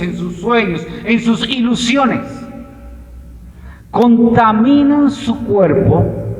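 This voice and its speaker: Emphatic high-voiced preacher, echoey hall. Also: male voice. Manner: emphatic preaching with repeated phrases. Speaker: pastor. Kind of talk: verse-by-verse Bible exposition.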